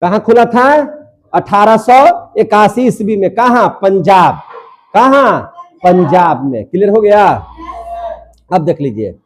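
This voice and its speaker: Young male teacher, high voice, drills facts by question and repeated answer. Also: expressive, unhurried, pauses often. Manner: call-and-response drilling, repeating each answer. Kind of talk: classroom lecture.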